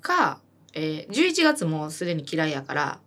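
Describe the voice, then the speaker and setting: Casting note: Kansai-accented woman, comic co-host, animated pitch, rambling and playful. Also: normal speed. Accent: Kansai Japanese. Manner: lively, rambling, teasing. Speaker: comedian and podcast co-host. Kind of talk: casual banter.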